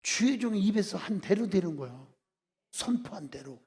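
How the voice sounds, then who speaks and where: Gravelly high-voiced preaching pastor. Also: male voice, animated, moderate pace, darkish tone. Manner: preaching with constant call-and-response questions to the congregation. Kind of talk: revival sermon. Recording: echoey church hall.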